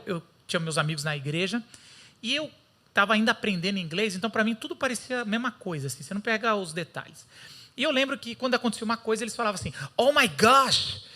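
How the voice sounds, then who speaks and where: A Brazilian man with a Brazilian Portuguese accent preaching a sermon, telling stories with lively acted-out quotes. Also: high voice. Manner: lively storytelling, acting out quoted voices.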